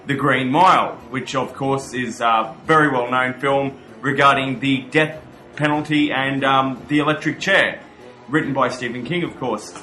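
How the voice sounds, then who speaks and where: A man presents a horror podcast as its commentator, with horror-host flourishes. His voice is bright and forceful at a medium pitch. The room echoes and music plays faintly behind him.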